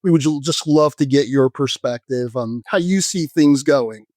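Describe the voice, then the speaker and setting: A man co-hosting a podcast, putting polite, deliberate questions to his guest. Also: a little high, darkish tone, no room sound. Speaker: podcast co-host. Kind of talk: interview questions.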